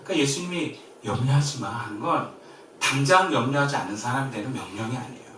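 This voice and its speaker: Korean pastor preaching in an echoey church. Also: male voice, mid-range voice, fast, far from the mic, a little hiss or hum. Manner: lively, shifts between loud and soft, quiet gentle quoted comfort. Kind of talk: sermon. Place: church sanctuary.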